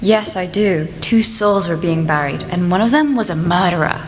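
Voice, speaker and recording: A woman's voice: lowish voice, animated, normal speed, faint music behind, close to an everyday voice. Woman acting a gossipy innkeeper, echoey hall. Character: gossipy, matter-of-fact village innkeeper woman. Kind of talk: radio play acting. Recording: echoey hall, faint noise.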